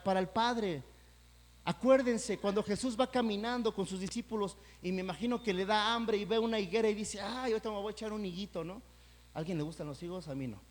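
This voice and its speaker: A pastor preaching a sermon, talking conversationally and then building to loud, emphatic peaks. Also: male voice, high-pitched. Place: church sanctuary. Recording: church hall with long reverb.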